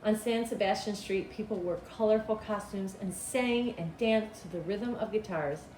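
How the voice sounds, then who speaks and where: A school principal in middle age reads aloud from a children's book, using a measured, expressive storytelling manner and a mid-range voice. She's in a small cinderblock room at the school, indoors, captured by a camera roughly two meters away. The audio is echoey, with distinct background noise.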